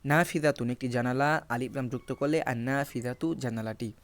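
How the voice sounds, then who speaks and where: A man's voice: medium pitch, normal speed. A man whose first language is Bengali teaches an Arabic lesson, reading examples from a textbook and explaining each rule step by step.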